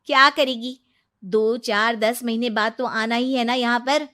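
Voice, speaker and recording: A woman's voice: a little high, measured pace. A woman voicing a cheerful young wife who teases and advises her friend in a cartoon story. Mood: advising. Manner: teasing, lively. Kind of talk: cartoon voice acting.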